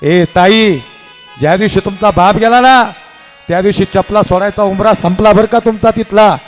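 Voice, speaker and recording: A man's voice: sits high, normal speed, faint music behind. A man preaching a devotional kirtan sermon, telling stories with acted dialogue in an impassioned manner. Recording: live hall with reverb and instruments.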